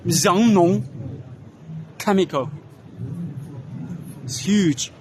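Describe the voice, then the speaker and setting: A man with a fairly high voice talks slowly and casually while walking through a busy indoor expo hall, pausing to spell out names letter by letter. Faint hall ambience sits under his voice, picked up on a camera mic as he moves. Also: a crowd in the background, noisy background. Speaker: vlogger giving an expo walking tour. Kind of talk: casual walk-and-talk narration.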